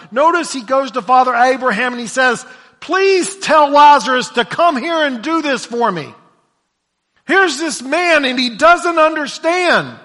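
A male preacher with a high, bright voice delivers a sermon at an unhurried, deliberate pace, dropping to hushed low lines and then rising to loud, shouted emphasis. He sometimes repeats words when he stumbles, and a long reverb makes his voice seem to fill a church hall.

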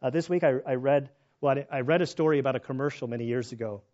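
A man's voice: medium pitch, quick pace, a little mellow, dull audio. A man preaching a sermon in a conversational way, mixing Scripture reading with stories and restarts. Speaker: pastor.

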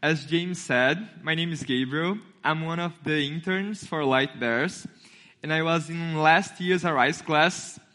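An unhurried Brazilian man in his twenties, an intern and youth speaker, delivers a storytelling sermon to a congregation in a friendly manner with a Brazilian Portuguese accent. His slightly high voice is bright and forward, and he acts out the voices of the people in his story.

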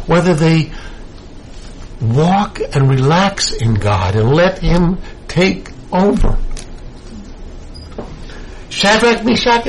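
A man delivers a sermon at an unhurried pace. His voice sits slightly higher than most men's, and he drives home key words with rising fervor. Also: a little hiss or hum, low-quality recording. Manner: slow, emphatic preaching with rising bursts of fervor. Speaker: preacher.

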